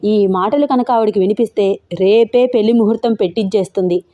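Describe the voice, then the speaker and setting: A woman's voice: medium pitch, a little fast, dark tone, no echo, muffled recording, natural voice. A woman voicing a shy, easily flustered young man in a Telugu audio story. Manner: scolding, embarrassed complaints. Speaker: male lead in an audio love story.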